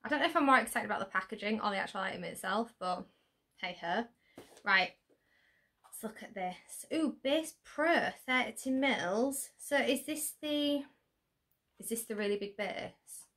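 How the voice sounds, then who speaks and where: A woman with a slightly hoarse voice, chatting casually and giggling excitedly as she unboxes makeup for her channel. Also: fairly high pitch, moderate pace. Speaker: beauty vlogger.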